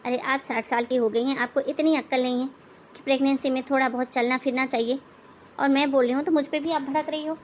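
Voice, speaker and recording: A woman voicing an outspoken elder daughter-in-law in an animated moral story, lecturing and sarcastic. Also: sits high, fast talker, a little hiss or hum, close to an everyday voice.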